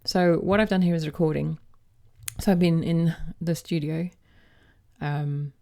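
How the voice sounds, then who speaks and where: Woman, vocal toning teacher, gravelly low voice, relaxed, hesitant, casual demonstration. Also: a little slow. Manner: gentle, hesitant with frequent ums.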